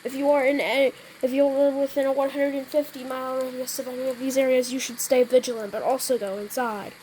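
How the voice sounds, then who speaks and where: This gamer, a woman acting out an emergency alert scenario, talks briskly in a high, slightly mellow voice with a level tone. The audio is poor, with slight background noise, as she alternates between offhand comments and made-up weather announcements during casual gameplay role-play. Read-out phrasing trips her up, and she clears her throat frequently.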